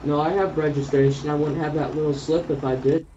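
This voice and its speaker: Halting defensive man in echoey room. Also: fairly high pitch, little pitch movement, warm tone, muffled recording, faint music behind. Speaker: player acting as stopped driver. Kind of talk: improvised role-play conversation. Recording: roomy echo, faint noise.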